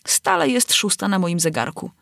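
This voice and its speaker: A woman's voice: on the low side, expressive, normal speed, creaky, a bit bright, no echo. A woman voicing a whimsical, rambling male hatter at a tea party in a storybook reading. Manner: rambling, sing-song.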